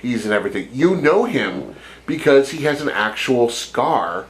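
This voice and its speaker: A man's voice: medium pitch, big pitch swings, normal speed, poor audio. A man co-hosting a podcast, retelling a film in a rambling casual chat full of fillers and jokey asides. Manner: laughs while talking, jokey impressions. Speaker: podcast co-host.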